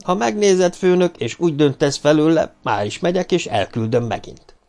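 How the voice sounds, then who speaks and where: A man's voice: on the high side, very animated, a little mellow, voice pushed up. A man voicing a loyal, aging male assistant who answers deferentially, in an audiobook reading. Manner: deferential, explaining.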